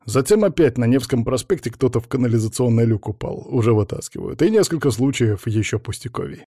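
Grumpy needling coworker, read by a male narrator, warm dark tone. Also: mid-range voice, expressive, a little fast, dry recording, clean studio sound, close to an everyday voice. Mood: grumbling. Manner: grumbling, smirking.

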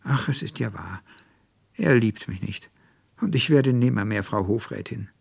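A man's voice: on the low side, moderate pace, vocal fry, a bit bright, husky, no room sound, exaggerated voice. A man reading a storybook aloud and voicing a lovesick young woman who is close to tears, in a plaintive, rising voice. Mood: tearful despair. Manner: plaintive, rising to an anguished outcry.

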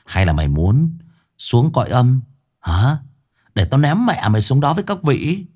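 A man voicing a tough young male exorcist who speaks low, curt and menacing. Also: very animated, unhurried, warm tone, slightly rough.

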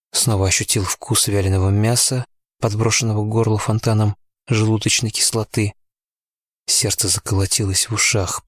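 A man narrating a novel in the first person in a steady, tense storytelling manner. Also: fairly low pitch, dry recording, studio quality. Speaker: audiobook narrator.

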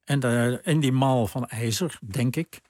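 An older man, an author, talking about his childhood and reading aloud from his own book on the radio, calm and reflective. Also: medium pitch, unhurried, no room sound, clean studio sound. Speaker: author guest.

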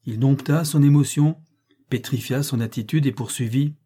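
Man, audiobook narration, classic novel, measured, very dark voice, husky. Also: medium pitch.

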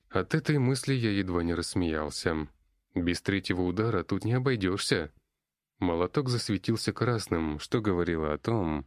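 Deep-voiced man narrating wryly. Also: no room sound, clean studio sound. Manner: wry, conversational. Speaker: audiobook narrator. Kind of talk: first-person fantasy narration.

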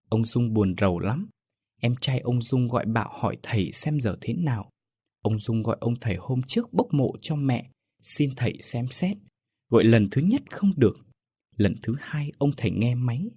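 A man narrating a ghost story in an expressive, dramatic way. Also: mid-range voice, breathy edge, dry recording.

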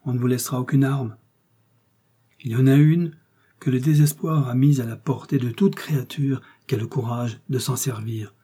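In this audiobook, a man reads a vengeful young noblewoman with dark, husky tones. She speaks in an impassioned, dramatic way and stays defiant throughout. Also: mid-range voice, fairly even intonation, moderate pace, lightly acted. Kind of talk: audiobook reading.

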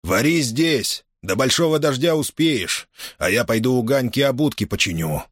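A man's voice: medium pitch, expressive, moderate pace, a bit bright, dry recording, clean studio sound, pitched above the performer's own voice. A man reading a novel aloud, voicing an older cossack father who talks in an easygoing, fatherly way.

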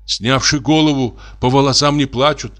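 A man's voice: mid-range voice, fairly even intonation, moderate pace, a bit bright, voice pushed up, natural voice. A man voicing a poor young technician who mumbles and stammers hesitantly. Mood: earnest reproach. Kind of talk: audiobook character reading.

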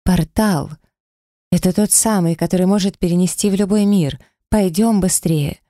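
A storyteller voicing a playful young female snow witch who teases and gets excited. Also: medium pitch, a little slow, no echo, clean studio sound, close to an everyday voice. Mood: teasing. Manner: teasing, excited.

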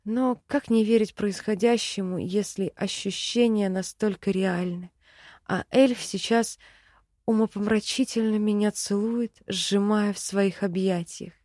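Brief: female audiobook reader, expressive, average pitch, dead-dry booth. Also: measured pace, no echo. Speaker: audiobook narrator. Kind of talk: scripted first-person narration.

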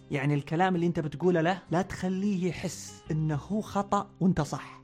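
A man with a Saudi accent summarizing a book in a lively, emphatic way, talking straight to the listener as a friend. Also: high voice. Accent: Saudi Arabic. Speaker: book explainer. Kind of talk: animated book summary talk.

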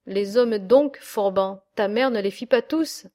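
A woman's voice: medium pitch, a little slow, lightly acted. Defiant young man taunting a beaten foe, scornful, woman narrator. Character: proud young male basket-weaver, defiant.

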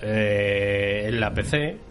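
A man's voice: lowish voice, very slow, a bit bright, clean tone, soft background music. A man with a Spanish accent from Spain, co-hosting a podcast and chiming in with wry short remarks. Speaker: podcast co-host. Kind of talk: casual chat.

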